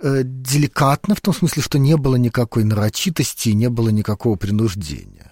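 A man's voice: mid-range voice, a little fast, darkish tone, husky, no room sound. Man, 40s, radio guest, thoughtful, lots of fillers, dry studio sound. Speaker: guest, university lecturer. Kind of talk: radio interview. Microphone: studio microphone.

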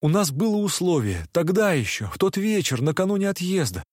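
A man voicing a heartbroken young woman, pleading in a breathless voice that climbs high. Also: sing-song, brisk, a little mellow, no echo, clean studio sound. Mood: tearful, desperate.

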